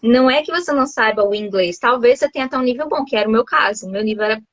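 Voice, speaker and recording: A woman's voice: a little high, very fast, no room sound. A woman from Brazil chatting casually over a video call, laughing often and restarting her sentences. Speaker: host, English teacher living abroad.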